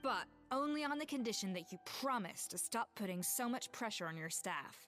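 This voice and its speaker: An actress playing a self-assured young woman head chef in a video game, measured, firm and slightly wry. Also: on the high side, animated, fairly bright tone, soft background music.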